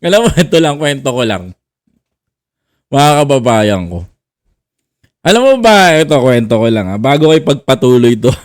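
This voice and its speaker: A man's voice: medium pitch, big pitch swings, moderate pace, pauses often, dry recording, studio quality. A man hosting a vlog, giving casual teasing commentary, laughing often and repeating himself. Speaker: vlogger host.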